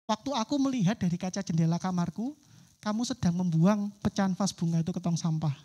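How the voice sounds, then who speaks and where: A woman voicing a calm, forgiving old grandfather who speaks with gentle, unhurried reassurance in a sermon story. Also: on the low side, close to an everyday voice.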